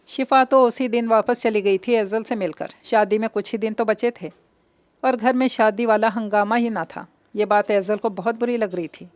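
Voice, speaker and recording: A woman narrating a romance novel aloud with a steady storytelling delivery. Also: a little high, dry recording.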